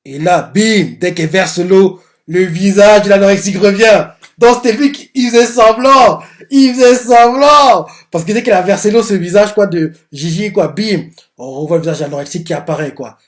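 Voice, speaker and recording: A man hosting a casual live reaction to a manga chapter, rambling and animated with constant filler words. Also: sits high, moderate pace, hardly any pauses. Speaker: manga reaction channel host.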